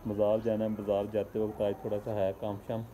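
A man's voice: lowish voice, monotone, fast, mellow, reverberant, a little hiss or hum, low-quality recording. A young man, casually vlogging to a phone held at arm's length and pleading with viewers to subscribe. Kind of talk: casual selfie vlog. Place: indoor room, then outdoors on a street.

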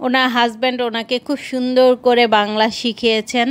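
A woman's voice: on the high side, level tone, fairly quick, clear, resonant tone. A woman with a Bangladeshi accent giving casual vlog narration. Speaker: vlogger.

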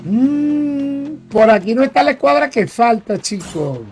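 A man's voice: very high-pitched, animated, unhurried, darkish tone, faint music behind. A young man with a Dominican Spanish accent streaming a game, casually chatting with viewers in slang and greeting them by name. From Dominican Republic. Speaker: gaming streamer. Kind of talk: live gameplay commentary chatting with viewers.

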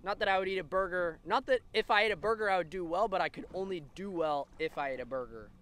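A man in his twenties vlogs casually from a bass boat on a lake, talking loosely to viewers he calls folks. His voice is high, a bit bright, and fast, picked up by a camera mounted on the boat with close framing.

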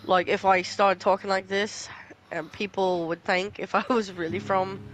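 A woman's voice: mid-range voice, steady tone, normal speed, slight background noise, rough recording. A woman chatting casually while streaming a game, talkative and profane, ranting about small annoyances. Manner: chatty, swears freely, ranting complaints. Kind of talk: casual chat while gaming.

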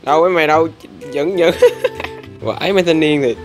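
A man giving casual gameplay commentary, excitable and reacting loudly to the game with frequent swearing and laughter. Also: fairly high pitch, a little fast, music in the background. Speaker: gaming channel host.

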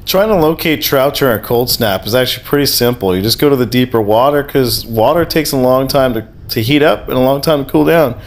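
A man reads a voice-over in a calm, practical manner, explaining each step plainly. His voice sits at a middle pitch for a man. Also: brisk, hardly any pauses. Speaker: fishing vlogger.

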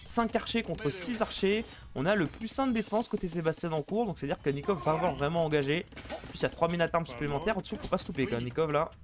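A man casting a live strategy game match, chatty and excitable, bantering with viewers between plays. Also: on the high side, fast talker, music in the background. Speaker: esports caster.

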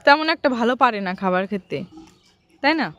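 Mom on the roof chatting w her little girl, kinda high voice, patient, lots of umms. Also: animated, a little fast, fairly bright tone. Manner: patient, coaxing questions with frequent hesitations. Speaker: mother talking with her young daughter. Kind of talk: casual home vlog chat. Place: home rooftop, outdoors.

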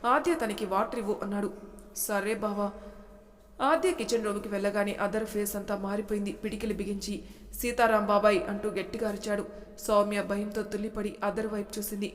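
A woman reading a serialized story aloud, voicing every character in her own voice and raising it for shouted lines. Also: mid-range voice, big-room sound. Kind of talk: scripted story narration with dialogue.

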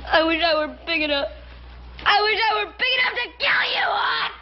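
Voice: very high voice, lively intonation, a little fast, shouting. A child actor playing a small, grief-stricken boy crying out in anguished fury in a 1960s TV western. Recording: muffled, noisy old TV soundtrack.

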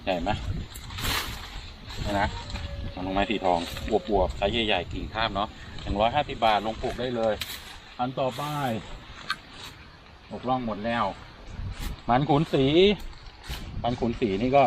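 A man's voice: fairly low pitch, normal speed, long pauses. A man chatting casually as he walks through his outdoor plant nursery, listing the plants for sale. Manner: chatty, often ends phrases with a soft "na". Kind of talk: casual walk-through video. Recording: outdoor noise, passing vehicles.

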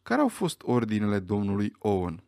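A man reading an audiobook voices a stern elderly judge who questions people with measured authority. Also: on the low side, wildly swooping pitch, gravelly, darkish tone, no room sound, clean studio sound, full character voice.

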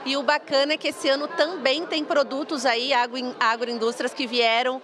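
A woman's voice: high-pitched, level tone, moderate pace, crowd noise, noisy background. Upbeat young woman TV reporter. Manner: upbeat, chatty presenter tone. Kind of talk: live field reporting. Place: busy indoor food fair. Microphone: handheld reporter mic.

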